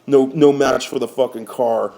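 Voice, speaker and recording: A man's voice: medium pitch, steady tone, normal speed, creaky, warm tone. A man in his own plain voice, telling a story as a rideshare driver in a loose, rambling rant. He swears constantly and sounds indignant. He sighs often and keeps restarting his sentences. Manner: profane, heated and indignant, frequent sighs.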